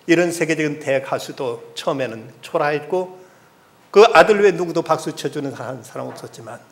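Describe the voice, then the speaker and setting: A middle-aged male pastor delivering a Sunday sermon in a somewhat high, gravelly voice. He preaches earnestly and tells a story at length to drive his point home.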